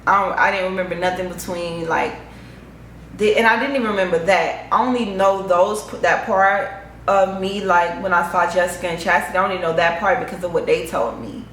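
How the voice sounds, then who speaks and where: A young woman telling a personal story in a casual, animated, profane vlog monologue. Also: on the low side, fairly quick, slight background noise. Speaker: vlogger. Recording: echoey room, faint ambience.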